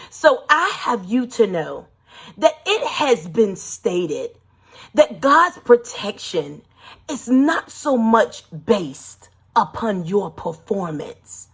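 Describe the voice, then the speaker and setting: A woman preaching with a high, husky voice that stays breathy even when she presses a point. She retells scripture in an emphatic sermon and asks her listeners rhetorical questions. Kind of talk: sermon storytelling.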